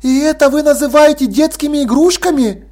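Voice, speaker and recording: A man voicing a shrill, protesting mother in an audiobook. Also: fairly quick, darkish tone. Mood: indignant.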